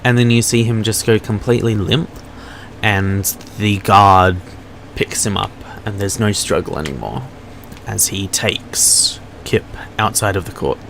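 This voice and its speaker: A man's voice: lowish voice, measured pace, gravelly, fairly bright tone, slight background noise. A man narrating a tabletop game as game master, describing scenes and calling for dice rolls over voice chat.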